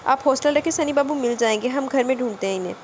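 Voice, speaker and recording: A woman's voice: high voice, darkish tone, a little hiss or hum, close to an everyday voice. A woman voicing a respectful female servant who soothes her mistress. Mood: soothing. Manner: respectful, reassuring.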